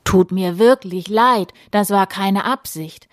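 Woman as the wind, a loud sorry-sounding giant in a storybook, close dry sound. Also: slow pace, no echo, natural voice. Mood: apologetic. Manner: booming and apologetic. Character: big boisterous male wind, playful but sorry. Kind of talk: bedtime story voice.

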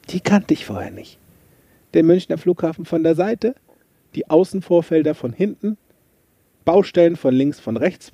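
Speaking in a medium-pitched, dark voice with a breathy edge, a man who hosts a podcast and works as a coach gives a casual motivational monologue. He chats freely, teases himself, recounts a story and offers motivational pointers, all without any echo.

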